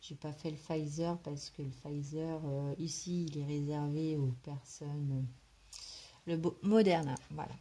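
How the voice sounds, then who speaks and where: Here a woman who makes craft vlogs talks through her colouring in a casual, halting, rambling way. Her voice sits low, mellow and steady, a little slow, with a slight smoker's cough and a faint hiss or hum behind it.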